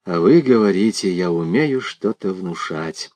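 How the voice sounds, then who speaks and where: A bold young man who answers curtly and with a challenging edge, as a man reading a novel voices him. The voice is low and expressive, recorded close and dry. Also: moderate pace, no room sound. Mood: bitter.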